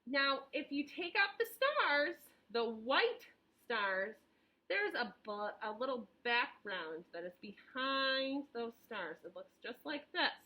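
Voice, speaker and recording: A woman teaching young children as if reading to a toddler, encouraging them in simple phrases, stressing key words and pausing for replies. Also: sits high, sing-song, muffled recording. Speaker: preschool teacher.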